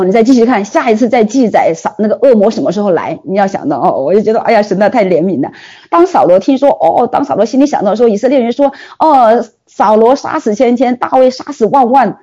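A woman preacher giving a sermon, telling the story with animated delivery and frequent rhetorical questions. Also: fairly high pitch, lo-fi sound.

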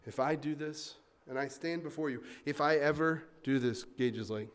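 A man as a pastor preaching a sermon in a lively, conversational way, with asides to the congregation. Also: a little high, normal speed, clear, resonant tone.

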